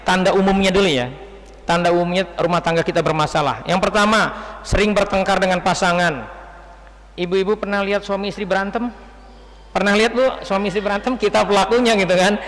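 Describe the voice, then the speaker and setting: A man's voice: high voice, a bit bright, long reverb tail. A man giving an Islamic lecture to a group of women, chatty and joking as he quizzes the audience. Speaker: Islamic preacher.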